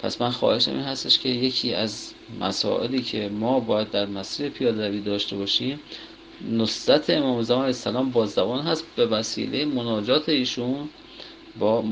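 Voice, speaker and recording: A man's voice: lowish voice, vocal fry. A man giving a religious sermon, reciting Arabic prayer lines and explaining each one in Persian, on a muffled lo-fi recording with faint background noise. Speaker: cleric.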